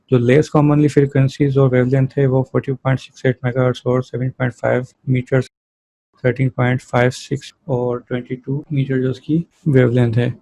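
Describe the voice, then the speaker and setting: A physiotherapy lecturer with a dark, mid-range voice explains his subject didactically, reading technical terms out and then clarifying them in plain language. The audio quality is poor.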